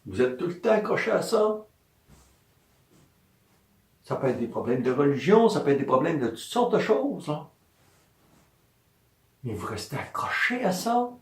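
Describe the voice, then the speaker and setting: A man's voice: a little high, unhurried, long pauses. A man with a Quebec French accent, a massage therapist giving an informal health talk, repeating his points and asking and answering his own questions. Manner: animated, repeats points, asks and answers himself. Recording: echoey room, mic at a distance.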